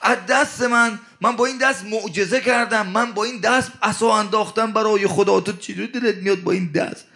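An aged prophet protests to the angel of death in a high, raised voice, hammering the same point again and again. A male preacher puts him on in the middle of a sermon. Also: vocal fry, few pauses, sharp tone, full character voice. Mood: indignant.

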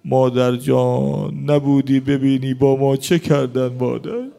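A man's voice: medium pitch, fairly even intonation, creaky, dark tone, close to an everyday voice. A preacher voicing a grieving woman's lament. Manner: wailing, pleading lament.

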